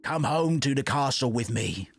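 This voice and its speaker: A man's voice: medium pitch, lively intonation, normal speed, creaky, a little hiss or hum. A man voicing a stern, controlling king and father in a stage play, declaiming pompously in archaic English. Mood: commanding.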